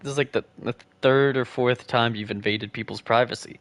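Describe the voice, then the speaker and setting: A man's voice: mid-range voice, steady tone, normal speed, fairly bright tone. A man giving casual, jokey commentary while playing a game. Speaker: game streamer.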